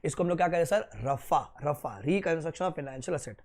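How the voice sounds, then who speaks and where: High-voiced lecturer quizzing his students. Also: animated, a little slow, a little mellow. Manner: quizzing, playful, answers his own questions; mixes Hindi and English. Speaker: teacher. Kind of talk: classroom lecture.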